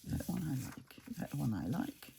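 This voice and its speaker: Gravelly low woman musing while crafting. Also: big pitch swings, measured pace, mellow, a little hiss or hum. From France and Italy. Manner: muses aloud, talks to her craft pieces, drops into whispers. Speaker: craft vlogger. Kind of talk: casual talk-along while crafting.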